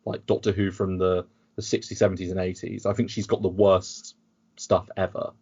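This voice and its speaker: A man's voice: sits low, little pitch movement, moderate pace, a little mellow, slightly rough, highs cut off. A British man talking in a casual podcast chat, rambling and sarcastic, with frequent restarts. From United Kingdom. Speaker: podcast guest.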